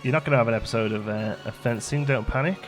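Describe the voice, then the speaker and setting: A gaming video host with a medium-pitched voice talks fast over music as he plays through a let's play, chatting casually and thinking aloud as the game unfolds.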